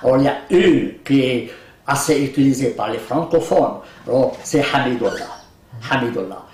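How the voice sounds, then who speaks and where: An older man whose native language is Arabic, a Quran translator, is animated and joking in a casual interview, laughing often and hesitating a lot. His voice is mid-range at normal speed, and the roomy recording, with the mic at a distance, carries a little hiss or hum.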